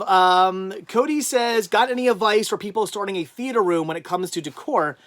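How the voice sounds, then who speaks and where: An adult man with a child hosts a casual livestream, reading chat comments aloud and rambling through his answers with many restarts. His voice sits high and sounds a bit bright.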